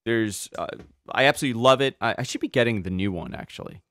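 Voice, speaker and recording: A man hosting a podcast, telling stories in an animated way and repeating words when he gets excited. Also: mid-range voice, fast talker, no echo. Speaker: podcast host. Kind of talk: casual podcast chat.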